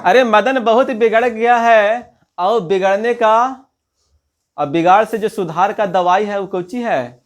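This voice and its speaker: A man teaching a story lesson at an unhurried pace. He reads a line from the textbook, then retells it in local speech. He keeps asking who said what and answers his own questions. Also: high-pitched. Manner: reads a passage, then retells it in local dialect and quizzes the listener. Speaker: Hindi teacher.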